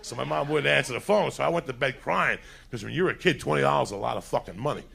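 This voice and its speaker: A man from New City, telling a crude, animated story and laughing through it. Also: medium pitch, fast talker, vocal fry, breathy edge. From New York City. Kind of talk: profane comedic storytelling.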